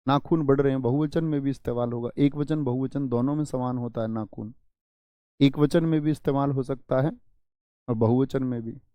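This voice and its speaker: A male teacher giving an exam-prep grammar lesson, stressing and repeating example words in a drawn-out way. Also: mid-range voice, fairly even intonation, no room sound, muffled recording.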